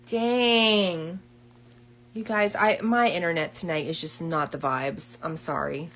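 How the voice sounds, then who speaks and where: A woman's voice: on the low side, steady tone, takes it slowly, a bit bright. A woman business coach chatting casually on a livestream, upbeat and full of fillers.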